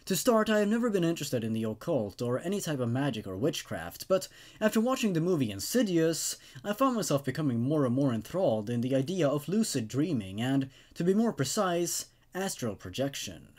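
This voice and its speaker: With a fairly high, sing-song voice, brisk and darkish in tone, a man hosts a program of horror stories. He alternates between dramatic narration and casual review, delivering it all emphatically.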